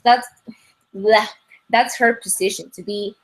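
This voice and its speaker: A young woman from Ecuador talks in a casual interview. Her English comes in halting bursts, full of restarts and fillers. Her voice comes through a video call. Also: medium pitch, steady tone. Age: young adult. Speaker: guest singer.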